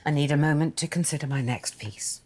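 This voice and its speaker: A woman's voice: low voice, fairly quick, a little mellow. An actress playing a theatrical middle-aged mother who bossily runs a music quiz and sings her clues. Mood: imperious.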